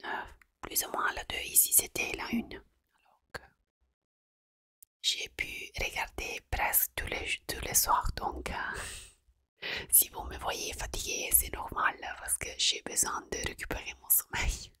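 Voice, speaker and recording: A woman whispers in soft ASMR style, with an Italian accent. The sound is bright and very dry, as if right at the microphone. She talks casually and haltingly, often feeling for the next word. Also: dry recording. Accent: Italian accent in French. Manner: hesitant, searching for words in French. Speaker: ASMR creator. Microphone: close microphone. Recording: close, dry whisper recording.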